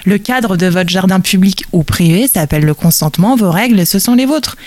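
A woman's voice: mid-range voice, a little fast, darkish tone, no echo. A woman delivering a humorous, theatrical monologue as a radio columnist, full of wordplay and playful asides.

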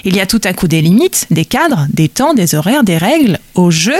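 A woman performing a comic monologue with theatrical flair, bouncing between mock drama and teasing asides. Her voice sits at an ordinary pitch and sounds close and dry, with no room around it. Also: very animated, moderate pace, darkish tone, dry recording. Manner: theatrical, playful, wordplay-heavy. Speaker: columnist.

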